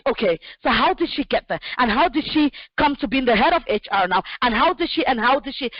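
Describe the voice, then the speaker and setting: A direct woman in her forties, originally from Cameroon, gives practical career advice in a fairly high voice, filling her pauses with "um." The sound is dry and dull, like lo-fi call audio. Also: no echo. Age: 40s. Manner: direct, practical, with many fillers. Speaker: human resources expert guest. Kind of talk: answering questions in an online session.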